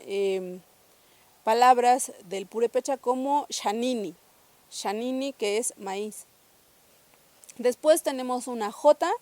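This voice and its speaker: A woman's voice: on the high side, darkish tone, dry recording. A young woman from Mexico, patiently teaching a pronunciation lesson and repeating each sound several times. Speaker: language teacher.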